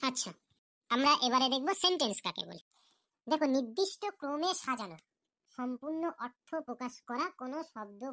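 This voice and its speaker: A woman's voice: high voice, sharp tone, no room sound. A woman voicing a patient female teacher in a cartoon lesson, explaining step by step and often checking that the class understands.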